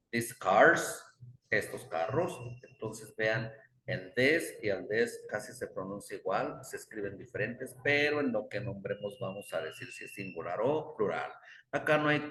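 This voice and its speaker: A man with a lowish voice teaching a class at an unhurried pace. He drills the same short examples again and again and patiently corrects his own slips. The sound is roomy, with the echo of a classroom. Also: fairly bright tone, slight background noise. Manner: stops to correct himself. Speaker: English teacher. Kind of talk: classroom grammar explanation. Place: classroom with students.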